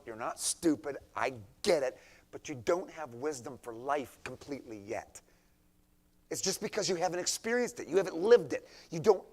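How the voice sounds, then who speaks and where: A man preaching a conversational sermon to teenagers in a church, swinging between hushed asides and emphatic points. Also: fairly high pitch.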